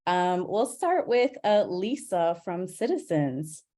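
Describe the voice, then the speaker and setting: A woman's voice: on the low side, sing-song, takes it slowly, warm tone. A woman hosting a business program's online event, talking in a chatty way with lots of fillers and restarts. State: out of breath. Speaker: program host. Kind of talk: casual presentation on a video call.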